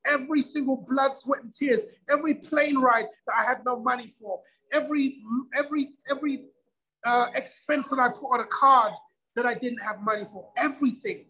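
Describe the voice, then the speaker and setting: Man telling his story with a husky voice. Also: very high-pitched, normal speed, low-quality recording. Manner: animated storyteller, acts out quoted dialogue. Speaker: guest. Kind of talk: casual interview storytelling.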